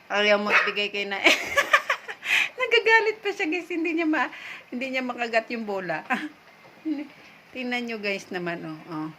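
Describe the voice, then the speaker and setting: A woman's voice: a little high, bright, forceful tone, a little hiss or hum. A woman filming a casual vlog at home, playfully coaxing her dog and laughing often. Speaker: vlogger.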